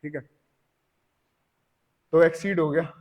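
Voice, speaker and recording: A man with an Indian accent teaching English vocabulary, explaining in Hindi, reading English examples slowly and asking his students rhetorical questions. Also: fairly high pitch, steady tone, a little mellow. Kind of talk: classroom lesson. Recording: long reverb, echoey classroom.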